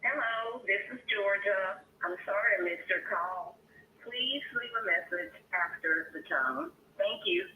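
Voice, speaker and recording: Woman's voicemail greeting over a landline phone: polite, measured, distant and roomy. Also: mid-range voice, bright, forceful tone. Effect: voicemail greeting heard over a landline phone. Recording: echoey distant phone line with faint hiss.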